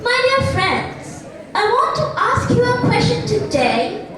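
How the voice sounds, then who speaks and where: A woman's voice: extremely high pitch, sing-song, slow pace, crowd noise. A young female student delivering a formal speech in a declamation contest, with emphatic, dramatic oratory. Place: large echoey indoor hall, distant microphone. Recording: echoey hall from far off, music behind.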